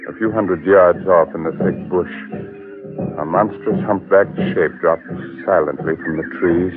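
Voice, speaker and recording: A man's voice: steady tone, measured pace, music in the background. A man playing a sinister horror host and teller of strange tales, in 1940s radio acting style. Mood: eerie. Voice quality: low, sly, relishing menace. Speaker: show host. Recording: tinny old radio broadcast recording.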